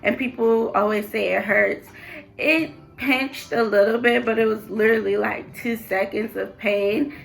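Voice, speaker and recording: Chatty young woman with a gravelly edge. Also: a little high, a little slow. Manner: chatty, lots of "like" fillers, animated retelling. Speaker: vlogger. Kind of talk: casual storytelling to camera.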